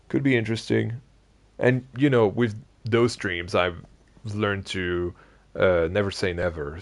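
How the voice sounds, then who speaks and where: A man live-streaming a building game late in a long session, chatting loosely with viewers and restarting his sentences a lot. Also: lowish voice. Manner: rambling, many restarts and fillers, chatting with viewers. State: sleepy, yawning. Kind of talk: casual live-stream chat while gaming.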